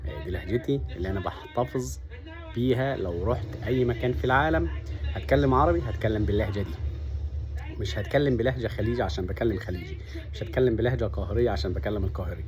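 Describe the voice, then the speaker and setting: A Sa'idi man from Upper Egypt speaks earnestly to the camera in a casual vlog monologue, laying out his points one at a time. His voice sits fairly low and comes rapid-fire, with music playing underneath.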